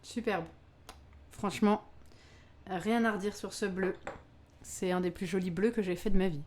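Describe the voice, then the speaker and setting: A woman chats her way through a live baking stream, talking straight to her viewers. Her voice sits at an ordinary mid pitch, and her delivery is loose and exclamatory, sprinkled with frequent laughs. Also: moderate pace, a little mellow, a little hiss or hum. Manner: chatty, exclamatory, laughs often, talks to chat. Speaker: live-stream cooking host. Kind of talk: casual live-stream chat while baking.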